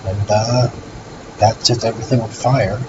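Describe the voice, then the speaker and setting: A man's voice: fairly low pitch, fairly even intonation, normal speed, muffled recording, background noise. A man giving casual gameplay commentary as he presents a walkthrough, offhand and hesitant, thinking aloud. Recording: loud game audio behind voice. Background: loud music and game sounds.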